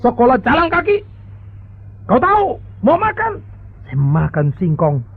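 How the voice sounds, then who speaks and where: A man voicing an angry father who scolds his spoiled son and shouts at him, from a lo-fi sermon recording. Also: very high voice, huge pitch swings, a little slow, breathy edge, no echo, pitched above the performer's own voice, full character voice. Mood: scolding. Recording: narrow phone-like lo-fi audio.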